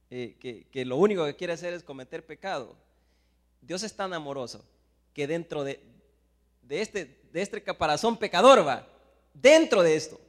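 Here a Salvadoran man gives a sermon with a Salvadoran Spanish accent, dropping into hushed asides and then rising into loud, emphatic scripture readings. His voice sits fairly high. The sound is big and roomy.

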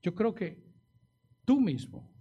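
A man's voice: sits high, big pitch swings, slow, mellow, slightly rough, muffled recording. A man preaching a sermon, acting out the pleas in the story and asking the congregation rhetorical questions. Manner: dramatic, acts out quoted pleas, rhetorical questions.

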